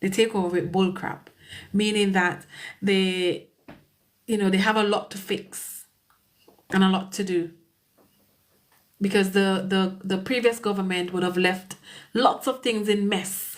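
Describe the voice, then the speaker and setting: A woman with a Caribbean accent talks to her viewers on a live stream. Her tone is casual and chatty, with frequent laughs and warm greetings to the people watching. She sounds like she is speaking into a phone or webcam indoors. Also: medium pitch, steady tone, unhurried, long pauses. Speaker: immigration solicitor hosting a live Q&A.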